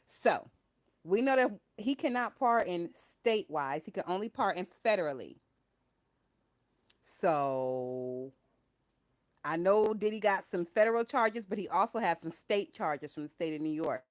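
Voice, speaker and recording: A young woman hosting a livestream, gossiping and reading viewer comments in a brash, profane way, laughing often and swinging between loud outbursts and hushed asides. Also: lowish voice, animated, a little slow.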